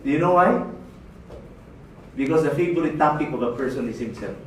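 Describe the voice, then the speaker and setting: A man's voice: fairly high pitch, expressive, fairly quick. A man from the Philippines giving a playful motivational seminar talk, often asking the audience "no?" and laughing. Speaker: network marketing speaker. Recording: echoey room, voice from far off, faint hiss.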